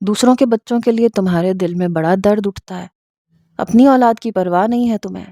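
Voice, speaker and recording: A woman's voice: medium pitch, dark tone, no echo, clean studio sound, close to an everyday voice. A woman voicing a hurt, resentful young wife and mother who speaks reproachfully, in a storybook reading.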